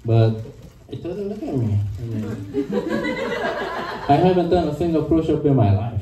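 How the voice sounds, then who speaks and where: A man's voice: on the high side, very animated, moderate pace. A young man from Korea doing a stand-up set on a small club stage with a handheld mic, hesitant and full of ums, recorded from the audience. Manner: hesitant, lots of ums and uhs. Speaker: stand-up comedian. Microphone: handheld mic, filmed from the audience. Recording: muffled, distant, echoey club from the crowd. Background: audience laughter and room ambience.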